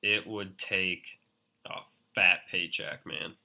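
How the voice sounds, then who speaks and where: A man in his twenties, a podcast guest talking in a relaxed, casual way, often laughing and calling his friend "man" and "dude". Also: low-pitched, slow, vocal fry. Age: 20s. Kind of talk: casual chat.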